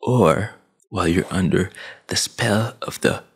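Sitting in a small, dim room at home with a gaming chair behind him, a young vlogger speaks into a headset boom mic in a low, husky voice at a measured pace. He is in his twenties, from Sudan and raised in Saudi Arabia, and his preachy big-brother rant is emphatic, punctuated by hand gestures.

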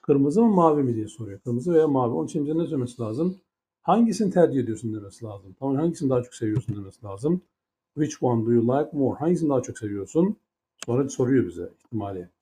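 A man's voice: medium pitch, expressive, fast talker, mellow, slight background noise. Patient Turkish man teaching English grammar. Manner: patient, explains step by step and asks rhetorical questions. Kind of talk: grammar lesson explained in Turkish.

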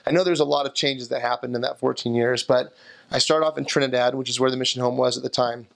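A man's voice: medium pitch, steady tone, fast talker, gravelly. A man in his thirties, seated indoors, recalling past travels in a rambling interview answer full of restarts and fillers. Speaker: returned missionary interviewee. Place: indoor room by a window, seated in armchair.

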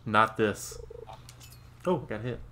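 Joking male gamer, bright voice. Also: lowish voice, expressive, slight background noise. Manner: joking, crude, quick asides. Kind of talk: casual co-op gameplay chat.

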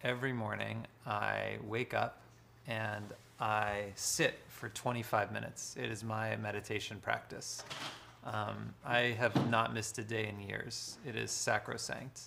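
A man speaking as a guest author, talking slowly and deliberately in a live social-media conversation. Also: fairly low pitch, level tone, vocal fry, background noise. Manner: slow, deliberate and measured.

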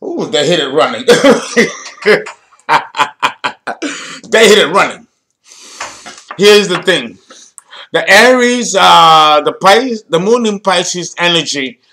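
A man's voice: fairly high pitch, bright, forceful tone. A man hosting a video lecture as an astrology teacher, playful and theatrical, breaking off into jokes and laughter. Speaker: astrology teacher and channel host.

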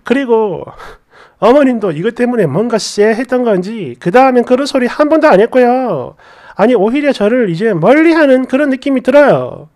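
A woman reading a first-person family story aloud in a chatty, lively way. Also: on the high side, normal speed. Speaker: story narrator.

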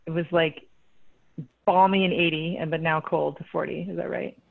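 A woman's voice: low voice, fairly even intonation, normal speed, vocal fry. A woman hosts a live online chat with a bubbly, talkative energy, filling her sentences with casual fillers. Her voice arrives through a thin, phone-like line from a video call. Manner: bubbly, chatty, laughs often, many fillers. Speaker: host and company CEO.

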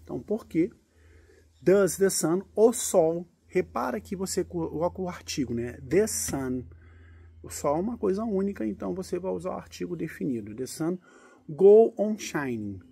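A man from Brazil teaching English in a relaxed, patient way, with guitar and snatches of singing. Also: high voice, vocal fry, breathy edge. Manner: explains patiently, sings lyric lines to guitar. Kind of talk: casual English lesson.

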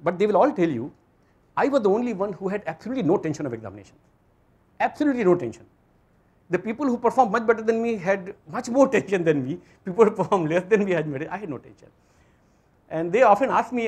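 A physics lecturer with an Indian accent gives a motivational talk to students from an auditorium stage. His husky, high-pitched voice is emphatic as he repeats phrases and poses rhetorical questions.

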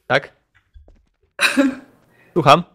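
A man playing an online game with friends, excitable and quick with loud exclamations. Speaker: gaming guest. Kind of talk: casual gaming chat.

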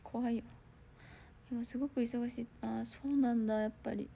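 A young woman chatting casually on a solo livestream, reading viewer comments and telling a story with loud outbursts and hushed asides. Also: fairly high pitch, fairly even intonation, brisk, gravelly, a little hiss or hum. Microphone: phone or computer mic on a solo livestream.

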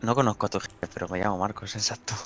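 A man's voice: lowish voice, fairly even intonation, fast talker, a bit bright, soft background music. A man from in casual game role-play, talking in an easygoing, reassuring way. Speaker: player in online role-play.

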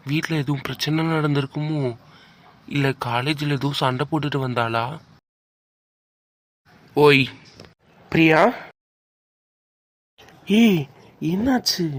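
A man's voice: fairly high pitch, close to an everyday voice. A man voicing a teasing, caring big brother. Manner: teasing, reassuring. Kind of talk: cartoon voice acting.

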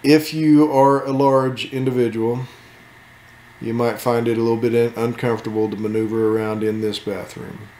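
A man's voice: medium pitch, level tone, a little mellow, echoey room. Laid-back man touring a camper. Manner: laid-back, joking, drawn-out asides. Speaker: RV channel host. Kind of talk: casual walkthrough commentary. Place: inside a camper at an RV show.

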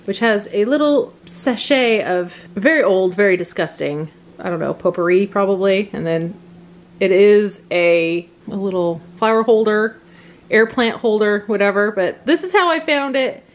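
A woman's voice: medium pitch, normal speed, dull audio. A woman casually showing off her vintage finds at a table at home, chatty and gushing, often trailing off and restarting. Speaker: vintage reseller vlogger. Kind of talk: casual show-and-tell haul narration.

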